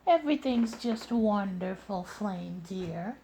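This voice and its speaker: Man voicing a villainous changeling queen, high-pitched, purring, teasing, very slow. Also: lively intonation, creaky, dark tone, heavily acted. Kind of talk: fan voice acting.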